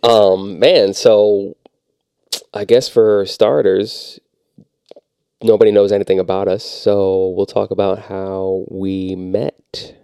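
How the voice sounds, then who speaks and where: A man's voice: on the low side, flat delivery, slow, vocal fry, mellow, smooth, dry recording, studio quality. A man in his thirties co-hosting a podcast in casual chat, laid-back and dryly self-mocking. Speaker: podcast co-host.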